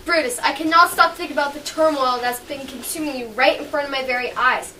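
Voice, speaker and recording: A woman's voice: high voice, fairly even intonation, a little fast, bright, forceful tone. A woman playing a worried, devoted Roman wife, beseeching her husband in an amateur stage performance. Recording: distant mic, faint noise.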